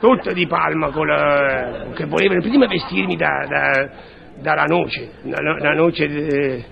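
An actor playing a bumbling man who stammers and mangles words in a radio comedy sketch, with a gravelly voice. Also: a little high, crowd noise. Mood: muddled. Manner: halting, mixes up words, repeats syllables. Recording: dull lo-fi recording with audience laughter.

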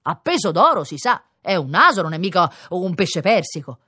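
A woman's voice: lowish voice, sing-song, normal speed, pushed and bright, husky, no echo, clean studio sound, exaggerated voice. A woman doing a stubborn greedy fisherman. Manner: blunt, drawling bargaining.

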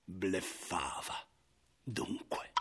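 Animated theatrical male narrator. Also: sits low, extremely slow, slight background noise. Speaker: narrator and first-person butcher. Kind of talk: 1970s radio comedy narration.

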